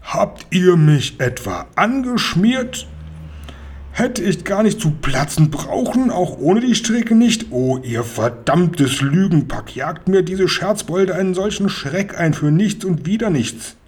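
A man reading a children's story aloud and voicing an indignant, blustering male robber, with a slightly husky voice that jumps much higher when he protests. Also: lively intonation, normal speed, hardly any pauses. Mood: outraged. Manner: bellowing, laughs in loud high bursts.

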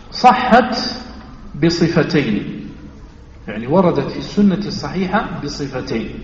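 A man with an Algerian Arabic accent teaching a lesson in a mosque, counting things out loud, repeating key phrases slowly and quizzing his listeners. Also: a little high, a little hiss or hum. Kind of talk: religious lesson. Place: mosque hall. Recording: echoey far-off mosque hall, dull.

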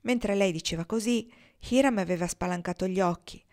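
Woman reading a novel aloud. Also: medium pitch. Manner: measured, expressive reading. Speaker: audiobook reader. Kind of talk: literary audiobook narration.

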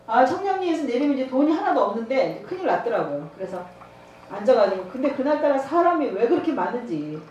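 A woman preaches in a church, telling a story and acting out dialogue with lots of laughter. Her voice is fairly high and swings widely in pitch. The recording echoes heavily and is picked up from a distance, with faint noise behind it. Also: big pitch swings, fast, darkish tone, muffled recording. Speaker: evangelism trainer. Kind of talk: sermon with personal testimony.

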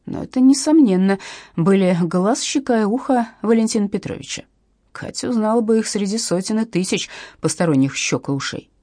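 Husky woman narrating an audiobook. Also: mid-range voice, fairly quick, no room sound, clean studio sound. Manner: lively, expressive reading.

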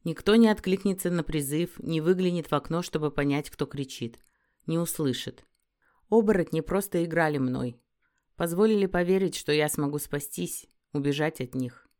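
A woman's voice: low-pitched, moderate pace, a little mellow. A woman narrating a first-person fantasy audiobook in a dramatic, emotive reading.

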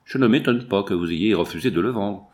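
A man voicing a calm young male healer who speaks in a measured, reassuring way. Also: lowish voice, close to an everyday voice.

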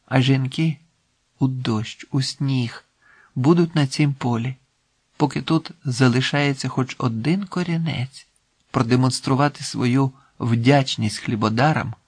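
A man reading literary prose as an audiobook narrator in a measured, expressive way. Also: medium pitch, slightly rough, dry recording.

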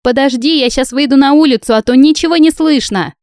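A woman reading an audiobook, voicing a brash, teasing young female friend who talks loud and breezy. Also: medium pitch, lively intonation, moderate pace, no room sound, studio quality, pitched above the performer's own voice, natural voice.

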